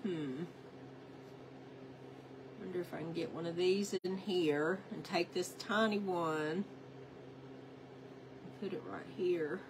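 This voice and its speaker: Here the host's voice sits fairly low, moving slowly with long pauses against background noise. She's a woman with a cold-clogged voice, casually chatting through her craft livestream, naming viewers in greeting and murmuring to herself as she crafts.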